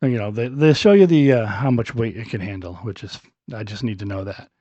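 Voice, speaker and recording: A man's voice: on the low side, fairly quick, dark tone, dry recording, dull audio. Joking man co-hosting a podcast. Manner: joking, rambling with restarts. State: clearing throat, losing his voice. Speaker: podcast co-host. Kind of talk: casual chat.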